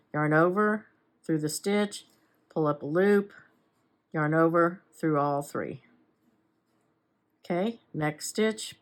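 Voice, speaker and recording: Low-voiced woman teaching crochet. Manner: unhurried, talks while working with her hands; chatty asides and self-corrections. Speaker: crochet instructor. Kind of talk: casual step-by-step craft tutorial.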